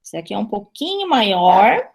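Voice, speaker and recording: A woman's voice: mid-range voice, sing-song, measured pace, vocal fry, a little mellow, husky. A woman from western Paraná teaching a linguistics class online, chatty and full of fillers and restarts. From western Paraná, Brazil. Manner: chatty, many fillers and self-corrections.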